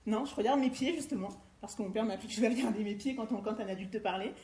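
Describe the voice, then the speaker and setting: In an indoor seminar room, a life coach and former youth educator from Eure-et-Loir, France, a middle-aged woman, talks conversationally about her own story. Her warm voice is a little high and rapid-fire. There's roomy echo along with faint background noise.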